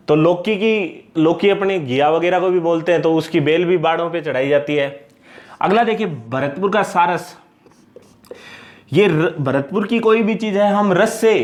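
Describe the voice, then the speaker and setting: A man teaching an exam-prep lesson, repeating points and asking questions he answers himself. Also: fairly high pitch. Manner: repetitive, explains by asking and answering itself.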